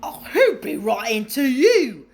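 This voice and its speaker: A loud, bullying middle-aged uncle, put on by a woman reading a storybook, pushed up high and hard whenever he barks. He sneers, stammers and roars, never far from a shout. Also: lively intonation, takes it slowly. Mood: furious.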